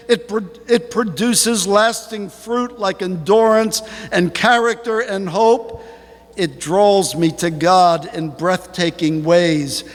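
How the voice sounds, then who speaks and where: Slow, high-voiced preacher in a reverberant church. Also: male voice. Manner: slow, emphatic preaching with sudden rises in pitch. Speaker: pastor. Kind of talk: sermon. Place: church sanctuary.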